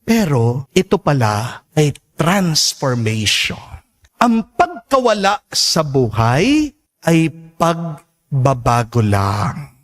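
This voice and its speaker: A man's voice: fairly high pitch, sing-song, slow pace. A man, a priest delivering a sermon and calling on the congregation for responses.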